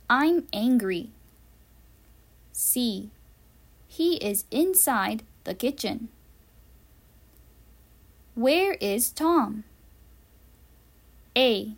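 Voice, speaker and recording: An English teacher reads a quiz aloud for learners, pausing after each answer choice. She speaks very slowly and deliberately, enunciating every word with care, in a voice pitched slightly high.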